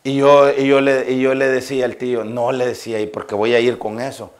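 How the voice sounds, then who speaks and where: A man's voice: mid-range voice, little pitch movement, brisk. A male pastor with a Salvadoran accent preaching a sermon to a congregation, telling homely personal stories and driving home his points with emphasis. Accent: Salvadoran Spanish. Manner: folksy anecdotes addressed to listeners, rising to emphatic preaching.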